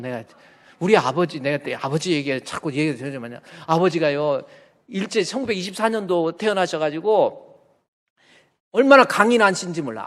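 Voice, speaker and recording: A male pastor in his fifties delivers a folksy, animated sermon in a high-pitched voice. His words ring out through a church with a long, hanging reverb. He drifts easily between preaching and homespun storytelling. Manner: folksy and animated, acting out family stories. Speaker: senior pastor. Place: church sanctuary.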